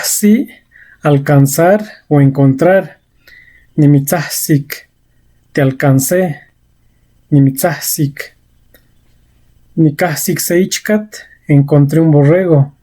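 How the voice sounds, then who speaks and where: Woman language teacher, unhurried and careful, warm low-key tone, repeats each example. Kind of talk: vocabulary lesson.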